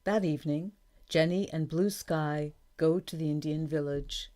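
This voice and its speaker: A woman reading a storybook for learners aloud, slowly and carefully, announcing each page. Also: low-pitched, warm tone. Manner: slow, careful, clear reading. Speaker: audiobook narrator. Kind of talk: scripted narration of a graded reader.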